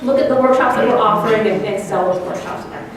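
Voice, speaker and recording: Fast and fairly high-pitched, a woman district officer speaks with enthusiasm to club presidents at a breakfast gathering, asking them questions. The large room gives an echoey, faraway sound with slight background noise.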